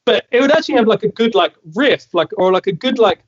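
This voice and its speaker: Man, high voice, chatty band member, muffled lo-fi call. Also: animated, fast talker, breathy edge. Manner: chatty, filler-heavy. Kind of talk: casual video call interview.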